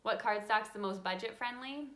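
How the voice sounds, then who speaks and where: At a moderate pace and medium pitch, a craft channel host in her thirties reads viewer questions during a relaxed live chat on card making. Her ums come often, and she's at a desk in her window-lit home craft room.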